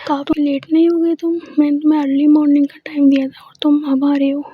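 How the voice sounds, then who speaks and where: A woman's voice: sits high, little pitch movement, fast talker, close to an everyday voice. A woman whispering as a teasing, confident lover. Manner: playful coaxing murmurs. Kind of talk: whispered role-play. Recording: dull lo-fi recording.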